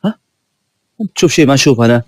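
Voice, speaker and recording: Male streamer, playful rapid banter, dry close recording. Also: medium pitch, animated, a little mellow, breathy edge, no echo. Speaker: live streamer. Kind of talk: casual live-stream chat with viewers.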